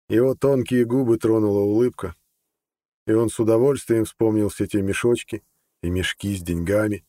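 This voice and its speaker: Man narrating a fantasy audiobook, dark tone. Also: on the low side, no echo, clean studio sound. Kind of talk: scripted narration.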